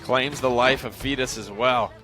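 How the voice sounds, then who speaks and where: A man's voice: mid-range voice, fairly even intonation, noisy background. A man casting an esports match, breaking down stats and loadouts in a chatty, analytical way. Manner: analytical, chatty, quick bursts of speech. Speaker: esports caster. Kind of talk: esports play-by-play commentary.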